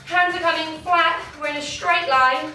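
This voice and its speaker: A woman's voice: very high-pitched, moderate pace, sharp tone. Breathless woman teaching a dance class. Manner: encouraging, counts beats aloud. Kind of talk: online dance warm-up class. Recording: echoey room, distant from mic, faint music.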